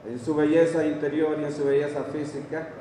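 A man's voice: fairly high pitch, level tone, fairly quick, dark tone, slight background noise. Honduran guy in his 50s at a podium, formal speech, reading off names and towns, big echoey hall, mic kinda far off. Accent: Honduran Spanish. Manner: reads long lists of towns and names from a page, with asides. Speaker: official speaker at a graduation ceremony. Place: large indoor hall, at a lectern. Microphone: lectern microphone. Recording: echoey hall recorded from a distance.

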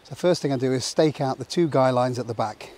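A man in his forties calmly talking through a camping setup, step by step, in an open meadow outdoors. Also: mid-range voice, fast. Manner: plain, matter-of-fact instructional talk. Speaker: outdoor gear vlogger.

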